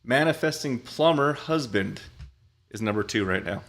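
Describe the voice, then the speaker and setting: A man's voice: mid-range voice, expressive, moderate pace, fairly bright tone. A man co-hosting a casual livestream chat, who answers with dry, teasing quips. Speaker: podcast co-host.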